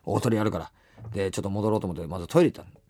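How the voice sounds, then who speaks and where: A middle-aged man, a musician, chatting casually and telling stories in an animated way, acting out the lines of people he quotes. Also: on the low side, rapid-fire, slight background noise. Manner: animated storyteller who acts out quoted exchanges. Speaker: musician and show host. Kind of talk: casual chat.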